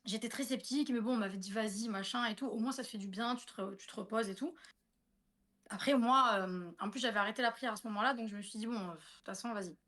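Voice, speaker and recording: Chatting casually on a livestream, a thirtysomething woman guest recounts something personal, speaking fast in a high-leaning, fairly bright voice. She keeps restarting and using fillers, and often turns to speak directly to her listener.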